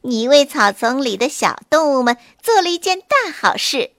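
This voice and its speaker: A woman voicing a small, brave and clever gray rabbit in a children's story, brisk and confident. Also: high-pitched, very animated, fairly bright tone, no echo, studio quality, exaggerated voice. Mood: cheerful.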